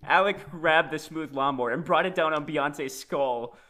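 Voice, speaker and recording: A man's voice: on the high side, moderate pace, sharp tone. A man co-hosting a comedy podcast, reading a nonsense story aloud and laughing often. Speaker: podcast co-host.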